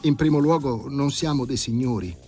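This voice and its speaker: A man's voice: mid-range voice, moderate pace, a little mellow, faint music behind, voice pushed up, lightly acted. A man voicing an earnest, flustered young woman in a leather jacket.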